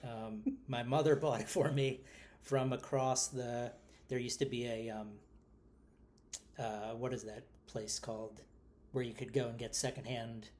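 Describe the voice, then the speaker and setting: A man's voice: mid-range voice, fairly even intonation, unhurried, darkish tone. Rambling middle-aged man with a New York accent. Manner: rambling, self-deprecating, with fillers. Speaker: podcast co-host. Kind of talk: casual podcast chat.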